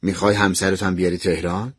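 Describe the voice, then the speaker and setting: A man voicing a kindly, husky old professor. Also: sits low, little pitch movement, no echo, studio quality, pitched below the performer's own voice. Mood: gentle, probing. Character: kindly older male professor, calm and gently teasing. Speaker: university professor. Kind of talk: radio drama narration.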